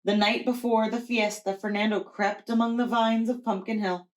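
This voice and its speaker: A preschool teacher reads a children's storybook aloud, her voice a little high. She tells the story deliberately and with plenty of expression.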